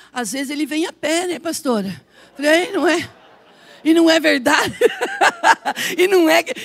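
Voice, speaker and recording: A Brazilian woman pastor delivers a sermon in a high voice. She mixes funny stories into her preaching and breaks into laughter often. Her delivery is animated, jumping between soft asides and loud bursts. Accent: Brazilian Portuguese. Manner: humorous storytelling, laughing often. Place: church service.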